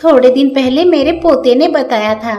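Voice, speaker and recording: A woman voicing a blunt old peanut-selling grandmother in a high, cheeky voice. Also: normal speed, music in the background, natural voice.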